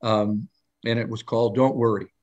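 A man's voice: on the low side, fairly even intonation, normal speed, highs cut off. Older male guest, chatty storyteller, meandering delivery, pops up for quoted bits. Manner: rambling anecdotal storytelling with many restarts; acts out quoted lines in a raised voice. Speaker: guest storyteller on a live show. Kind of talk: casual live interview chat.

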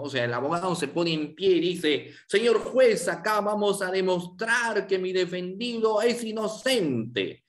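Brief: male law lecturer, rhetorical questions, frequent tag questions. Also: medium pitch. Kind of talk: online lecture to lawyers.

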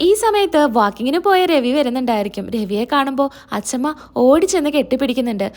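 A woman narrates a serial's events in a brisk storytelling recap. Her voice sits high and moves quickly. She steps in and out of the characters' voices. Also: animated, darkish tone.

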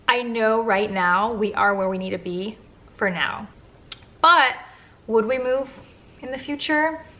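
A woman in her thirties, a native English speaker, chats candidly to camera from her living room, answering viewer questions and using "like" a lot. Her voice sits a little high and moves a little slowly, with the highs cut off. The camera picks her up at close range indoors.

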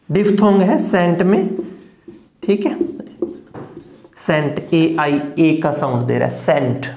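A man who speaks as his teaches English phonetics, going very slowly and saying each word several times over. He often stops to ask whether the class follows. His voice carries the echo of a hard-walled room. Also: high-pitched, a little mellow. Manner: slow, repeats each word several times and checks with "clear?". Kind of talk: phonetics lesson. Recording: echoey room.

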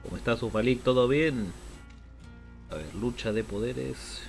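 A man with an Argentine accent streams a game in casual chat, excitable, swearing playfully and repeating words. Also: mid-range voice, a little slow, gravelly, soft background music. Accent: Argentine Spanish. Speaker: gaming streamer. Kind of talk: casual live gameplay chat.

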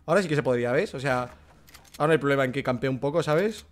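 A young Spanish gaming streamer with a Spanish accent live-streams his gameplay, excitable and swearing often while dropping English phrases into his commentary. He talks rapid-fire in a medium pitch.

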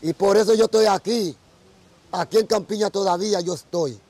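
A man with a Dominican accent speaks earnestly, telling stories as a Vodou priest. His voice sits high and mellow. He is interviewed outdoors beside a tree. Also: fairly quick, no room sound. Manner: earnest storytelling. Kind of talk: casual interview.

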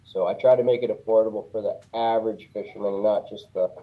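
A man's voice: fairly low pitch, fast. Plainspoken man on a tinny line. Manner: relaxed, plainspoken, lots of "you know". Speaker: guest, custom fishing rod builder. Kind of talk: casual interview.

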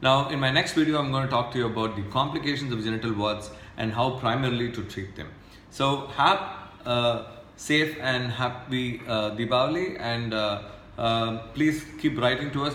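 A man, a doctor explaining a health topic in a measured way with many filler uhs. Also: medium pitch, fairly bright tone. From India. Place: indoor room with ceiling lights. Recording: echoey room, faint background noise.

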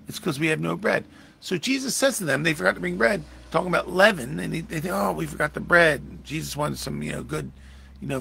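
A man pastor teaching a Bible study in a conversational, animated way, raising his voice when acting out quoted lines. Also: fairly high pitch, vocal fry, husky.

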